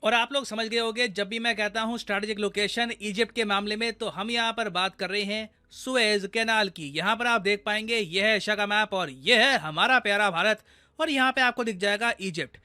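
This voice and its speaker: A young man with an Indian accent explains foreign affairs in a chatty way and speaks straight to his audience. His voice sits high and sounds bright. It is smooth and clear. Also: fairly quick. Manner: conversational, addresses viewers directly. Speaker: news explainer.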